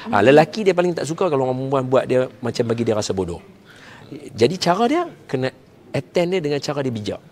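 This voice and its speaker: A man's voice: medium pitch, lively intonation, fast, darkish tone, a little hiss or hum. A man, a religious teacher giving jokey, casual marriage advice and mixing English phrases into his talk. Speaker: ustaz, religious speaker.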